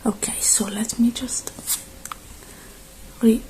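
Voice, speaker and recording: Her slightly high voice stays fairly even in intonation as she does a gentle ASMR roleplay. The woman slips between whispering and soft speech, offering reassurance in short, hesitant phrases.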